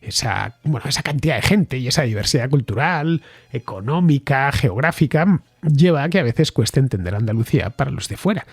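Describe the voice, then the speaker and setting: A male podcast host gives explanatory commentary with lively swings in pitch. His voice is slightly husky, and the recording is dry and close. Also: dry recording. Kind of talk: commentary answering a listener.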